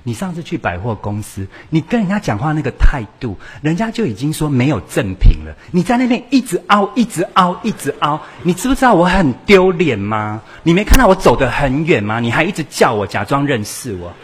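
A man's voice: big pitch swings, a little fast, hardly any pauses, breathy edge, heavily acted. A man voicing an exasperated teenage child who whines and accuses his mother in rising tones. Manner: whiny, accusing, rising pitch.

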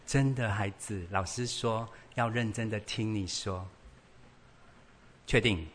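A man voicing a meek, apologetic mother who speaks softly and hesitantly. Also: fairly low pitch, slow pace, a little hiss or hum. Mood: pleading. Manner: soft, submissive, hesitant.

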